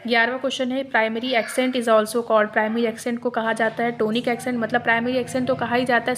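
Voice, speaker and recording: A woman teacher works through multiple-choice exam questions, reading each slowly aloud before explaining it. Her voice is fairly high, with a little hiss or hum in the recording.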